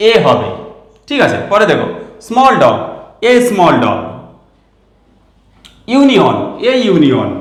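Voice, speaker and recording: Man, Bengali accent, grammar teacher, high lively voice, echoey room. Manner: slow, dictating example sentences and asking questions. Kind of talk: grammar lesson.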